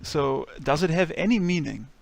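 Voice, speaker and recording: Gravelly-voiced man interviewing casually. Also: on the high side, expressive, moderate pace, background noise. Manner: friendly, hesitant questions with many ums.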